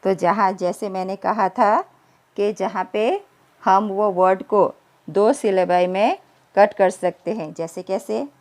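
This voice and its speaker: Woman teacher, unhurried, deliberate delivery, spells words letter by letter. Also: mid-range voice, fairly even intonation, a little mellow. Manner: mixes Hindi and English, spells words letter by letter; slow deliberate English phrases, quicker Hindi explanations. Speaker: primary school English teacher. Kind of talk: recorded grammar lesson.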